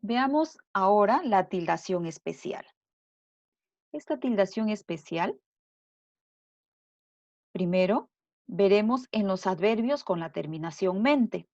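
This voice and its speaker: A woman teacher giving a recorded grammar lesson, explaining slowly and deliberately and repeating her examples. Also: medium pitch, lively intonation, darkish tone, no echo. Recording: dull lo-fi dry recording.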